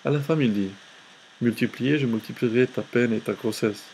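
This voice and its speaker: A man lecturing on the Old Testament, reading scripture aloud at a slow, careful pace. His voice sits in an ordinary middle register, and he often stumbles and restarts words. A faint hiss of background noise runs under the recording. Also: medium pitch, darkish tone.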